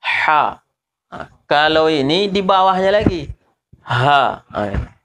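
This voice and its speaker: Slow-paced man teaching recitation. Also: on the high side, big pitch swings, background noise. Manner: slow, drawn-out demonstration of letter sounds, repeating syllables. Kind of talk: teaching Quran pronunciation.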